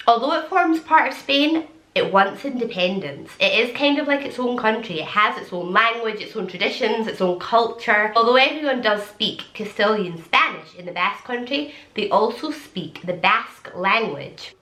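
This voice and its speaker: Bright-voiced woman vlogging. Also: mid-range voice. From Scotland. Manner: chatty and enthusiastic, quick asides. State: pregnant. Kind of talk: casual talk to camera. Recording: echoey room.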